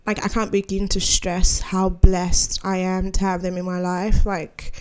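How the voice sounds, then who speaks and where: A woman's voice: fairly low pitch, flat delivery, a little slow, a little mellow, clean tone. A young adult woman hosting her own podcast, talking candidly and rambling off on tangents, with frequent laughs. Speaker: podcast host. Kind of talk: solo podcast monologue.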